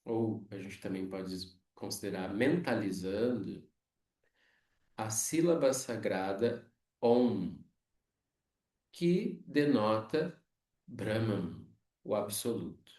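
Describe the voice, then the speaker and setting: A Brazilian man teaching a yoga philosophy class, explaining slowly and checking in with frequent tag questions. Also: fairly low pitch, animated, dark tone. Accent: Brazilian Portuguese. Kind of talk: lecture on scripture. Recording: echoey room, mic far off.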